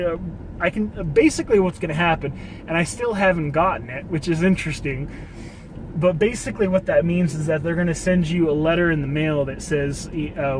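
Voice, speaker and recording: A man's voice: fairly high pitch, a little hiss or hum, low-quality recording. Rambling profane man in his twenties. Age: 20s. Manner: rambling, profane, repeats himself. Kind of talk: casual monologue vlog.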